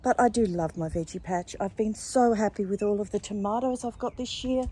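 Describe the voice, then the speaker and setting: A woman's voice: medium pitch, a little fast, warm tone, slightly rough. An older woman with an Australian accent chatting casually and effusively to her vlog viewers. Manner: effusive, addresses listeners as darlings. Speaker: vlogger.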